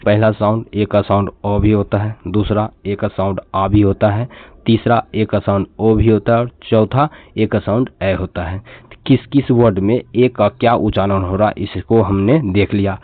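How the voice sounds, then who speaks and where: Low-voiced man teaching, tinny sound. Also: steady tone, normal speed, no room sound. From India. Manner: repeats each word and asks the class what it is read as. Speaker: English teacher. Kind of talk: classroom lesson, explaining step by step. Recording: tinny phone-like dry sound.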